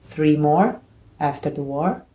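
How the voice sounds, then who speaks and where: Interview guest, woman in her thirties, from Bosnia and Herzegovina, very low voice, thoughtful, soft laughs. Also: slow pace. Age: 30s. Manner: thoughtful, laughs softly between answers. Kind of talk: casual interview.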